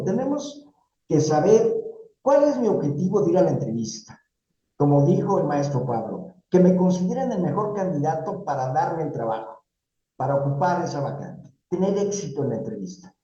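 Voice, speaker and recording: A man's voice: fairly high pitch, mellow. A man with a Mexican Spanish accent giving a university workshop talk on job interviews, teaching with rhetorical questions and frequent tag questions. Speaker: career workshop speaker. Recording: roomy, dull sound.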